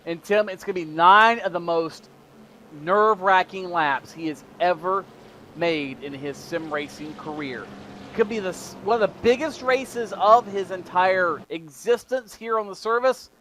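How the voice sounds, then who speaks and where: High-voiced male race commentator. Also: measured pace, slight background noise. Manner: builds to excited shouting on race action. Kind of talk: sim racing play-by-play commentary.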